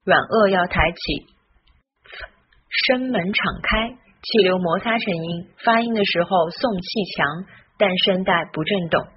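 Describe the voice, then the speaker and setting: A woman teaches pronunciation in an unhurried, deliberate way, stretching out sounds so they can be copied. Her voice is somewhat husky. The recording is a little dull and muffled. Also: lowish voice. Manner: patient, drills sounds slowly and repeatedly. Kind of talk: pronunciation lesson.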